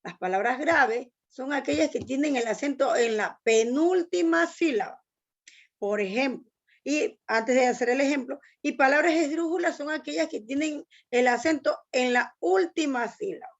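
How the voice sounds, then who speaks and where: High-voiced woman teaching a class online. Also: moderate pace, dull audio. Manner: patient, explains step by step, asks students to read aloud. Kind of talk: online language lesson.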